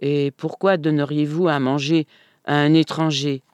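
A storyteller voicing a calm, stubborn village man who insists he is someone else, in a read-aloud folk tale. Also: mid-range voice, measured pace, smooth, dry recording, natural voice.

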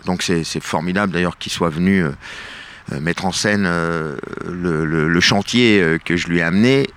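A man's voice: deep voice, moderate pace, fairly bright tone, clear, resonant tone. A middle-aged man, an actor and bandleader, answering radio interview questions hesitantly, with many fillers and restarts.

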